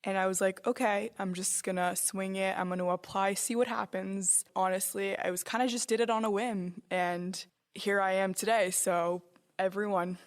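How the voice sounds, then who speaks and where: A woman's voice: medium pitch, level tone, moderate pace. A woman in her twenties, an intern, talking in a chatty, upbeat way in an interview. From United States and Switzerland. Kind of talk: casual interview talk.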